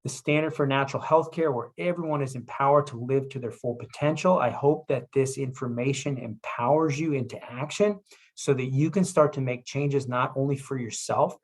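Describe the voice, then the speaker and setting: A man, a chiropractor, giving a motivational health talk with energetic, repetitive urging. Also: mid-range voice, normal speed.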